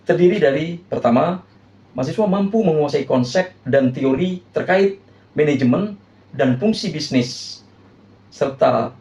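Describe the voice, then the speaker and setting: A male lecturer reads through a course overview in a formal, steady way, stopping now and then on hesitant fillers. His voice is gravelly and mellow. The recording is dull and roomy, with a clear echo. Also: on the high side. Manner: formal, listing points with filler pauses. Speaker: university lecturer.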